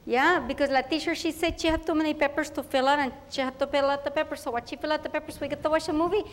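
A woman plays a young Mexican-American girl on her first day of school, chatty and halting, with a Mexican Spanish accent and Spanish words mixed into her English. Her voice is high-pitched and close to an everyday voice, with fairly even intonation and a long reverb tail. She sounds eager.

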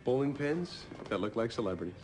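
A man's voice: mid-range voice, lively intonation, brisk, a little mellow, faint music behind, natural voice. An actor playing a breezy, boastful traveling salesman in a TV comedy-drama, with glib, joking patter. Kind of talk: naturalistic TV comedy-drama acting.

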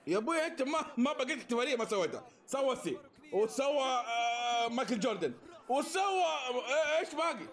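A man reacting to a football match on video, excitable, often shouting and laughing. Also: very high-pitched, brisk.

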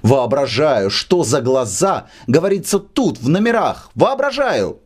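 A man doing a bitter, self-pitying gentleman. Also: a little high, unhurried, slightly rough, voice pushed up, exaggerated voice. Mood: indignant. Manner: raised, excited, aggrieved complaining.

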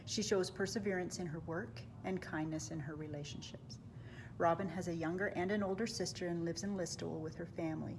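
A middle-aged woman teacher reading a warm, admiring introduction of a student into a webcam. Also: lowish voice, a little hiss or hum. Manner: warm, admiring, reads lists of traits. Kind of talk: prepared tribute speech. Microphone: webcam, close framing.

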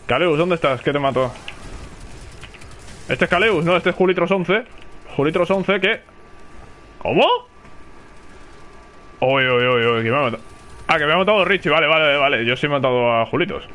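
A man's voice: fairly high pitch, animated, a little fast, bright, forceful tone. A man with a Spanish accent from Spain, commenting live on his own gameplay, chatting and calling out to teammates. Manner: chatty, reacts aloud and calls to teammates. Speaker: gaming streamer.

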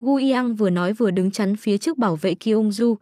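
A woman narrating a comic story recap in a brisk, plain storytelling manner. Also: mid-range voice, dark tone, no room sound, clean studio sound.

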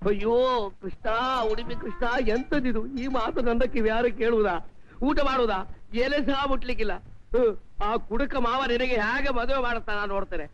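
A fussy comic uncle. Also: male voice, extremely high pitch, fairly quick. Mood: pleading. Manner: pleading, fussy and chattering. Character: comic meddling uncle, fond of his niece. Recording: dull film soundtrack with loud music.

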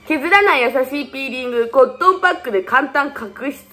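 Speaking quickly in a casual haul vlog, a beauty vlogger in her 20s from Fukuoka, Japan jokes about herself and bounces between playful tangents. Her tone is bright and forceful, with lively intonation and big pitch swings.

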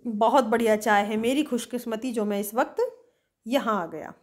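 A woman's voice: a little high, fairly even intonation, normal speed, lightly acted. Storybook boy guest, well-mannered and cheerful, read by a woman. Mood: polite.

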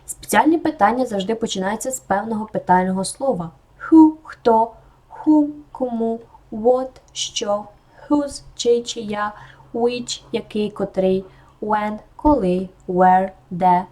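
Mellow-voiced woman teaching English grammar. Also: mid-range voice. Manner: calm explanatory tone, modelling English examples slowly. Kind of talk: explaining English grammar in Ukrainian.

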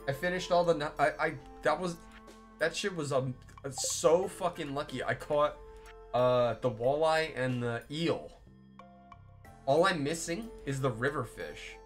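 A man's voice: a little high, measured pace, soft background music. A young man live-streaming a game, chatting loosely with viewers, rambling and swearing as he plays. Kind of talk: casual live-stream chat while playing.

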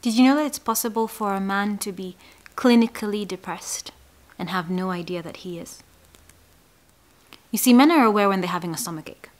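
A woman psychologist explaining a mental health topic to camera, speaking emphatically and dropping to soft, breathy asides on key points. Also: medium pitch, brisk. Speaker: psychologist hosting an educational channel.

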